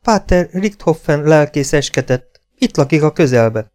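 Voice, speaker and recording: A man's voice: a little high, animated, darkish tone, faint music behind, voice pushed up, close to an everyday voice. A man reading an anxious young wife. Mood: urgent. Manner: impatient, urgent.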